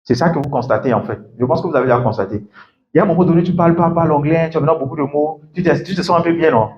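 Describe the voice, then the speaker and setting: A man coaching a class on English pronunciation in French, animated and acting out example phrases. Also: on the high side, rapid-fire. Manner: animated, acts out example phrases, laughs often. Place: classroom or lecture hall. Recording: echoey room, dull lo-fi sound, faint noise.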